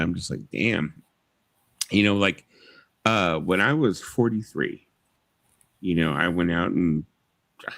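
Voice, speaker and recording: A man in his fifties hosts a live stream, rambling casually, swearing freely and filling his talk with "you know." His voice is low-pitched with vocal fry, recorded with no echo.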